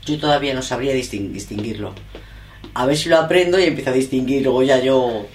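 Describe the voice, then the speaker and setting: A woman's voice: rumbling low, fast talker, a little mellow, a little hiss or hum. Hesitant middle-aged woman, roomy. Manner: hesitant, self-correcting, thinking aloud. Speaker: interviewee, learner of English. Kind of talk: casual chat. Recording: echoey room.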